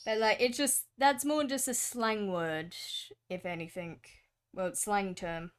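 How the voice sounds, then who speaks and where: A woman's voice: medium pitch, steady tone, measured pace, clean tone. A young Australian woman with an Australian accent, chatting casually and rambling on with lots of fillers while she draws on stream. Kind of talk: casual chat while drawing.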